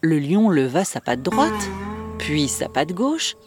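A woman narrating a fable in an expressive, measured storytelling voice. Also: deep voice. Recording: music bed under the voice.

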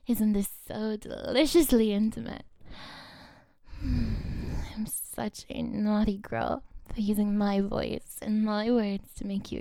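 A young woman speaking in a slow, teasing, breathy whisper into a close microphone, slipping in soft giggles. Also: mid-range voice, no room sound. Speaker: audio performer. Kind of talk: intimate whispered audio roleplay.

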